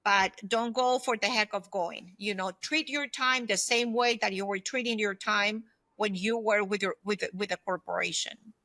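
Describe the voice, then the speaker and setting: In a mid-range, sharp-toned voice held steady at a moderate pace, a woman in her fifties shares personal experience and advice as an interview guest. She is a solopreneur consultant and former aerospace executive, speaking emphatically and conversationally.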